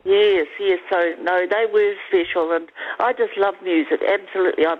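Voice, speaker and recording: An older woman with a New Zealand accent, calling a radio show over a landline phone, a little croaky after the flu, chatting and reminiscing. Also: fairly low pitch, steady tone, moderate pace. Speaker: radio caller. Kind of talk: casual phone-in chat. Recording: tinny landline phone audio.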